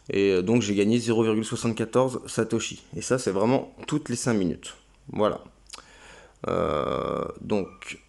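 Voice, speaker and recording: A man's voice: fairly low pitch, darkish tone. A man, hosting his own channel, walking viewers through a website in a casual, hesitant way with many fillers. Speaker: crypto channel host. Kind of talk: casual screen-recorded walkthrough.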